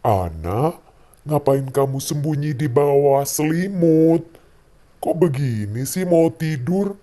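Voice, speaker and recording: A man's voice: a little high, lively intonation, slow, dark tone, slight background noise. A man voicing a patient father who tells his child a Bible story at bedtime, speaking in a soothing way. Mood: curious. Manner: soothing, acts out voices in the story.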